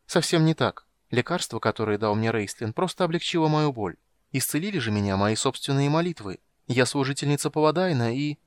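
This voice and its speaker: A man's voice: medium pitch, animated, a little fast, no echo, pitched above the performer's own voice, natural voice. A man voicing an earnest young priestess who speaks in an unsure, pleading way.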